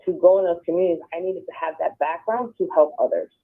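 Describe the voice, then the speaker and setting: A middle-aged woman from Buffalo, New York, speaking as a guest in a radio interview on a phone line, soft-spoken and reflective, with hesitant restarts. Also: on the low side, quick pace, gravelly, slightly rough. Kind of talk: conversational interview. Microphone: phone call.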